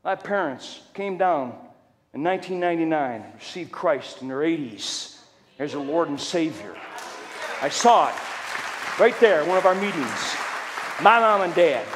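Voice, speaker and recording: A middle-aged man preaching a testimony sermon as a preacher and fire chaplain, loud, shouting at times and joking. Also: fairly high pitch, a little hiss or hum. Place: large church hall. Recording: long hall reverb.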